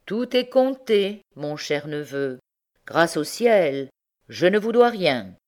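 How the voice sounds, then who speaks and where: A woman voicing a cunning, vindictive old uncle who weighs his words slowly, in an audiobook. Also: lowish voice, animated, darkish tone, voice pushed up. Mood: cold. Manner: slow, measured speech. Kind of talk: audiobook character reading.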